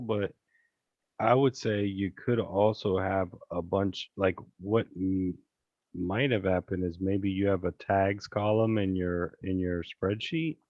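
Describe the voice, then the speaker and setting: A man coaching on a casual screen-share call, chatty and relaxed, with many fillers and restarts. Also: low-pitched, no room sound, muffled recording. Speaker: real estate investing coach. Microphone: video call.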